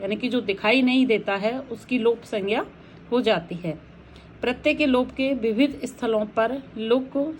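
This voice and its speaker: A woman teacher talks through grammar rules at an unhurried, deliberate pace, setting out one example after another. Her voice sits a little high. A faint hiss runs under the recording. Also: rough recording. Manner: slow, methodical explanation of rules with examples. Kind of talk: recorded lecture.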